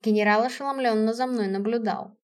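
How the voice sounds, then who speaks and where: A woman narrating a novel in the first person in a steady, expressive reading. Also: a little high, brisk. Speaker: audiobook narrator.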